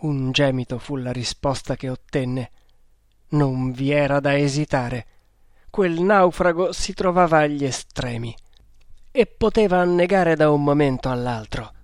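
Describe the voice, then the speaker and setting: A man narrating an adventure storybook in a slow, deliberate reading. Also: on the high side, no echo, studio quality. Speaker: audiobook narrator.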